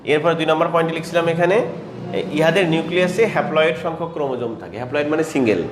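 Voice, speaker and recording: A man teaching an exam-prep lecture, asking questions and answering them himself and repeating key terms slowly. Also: on the high side, noisy background. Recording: echoey room with faint ambience.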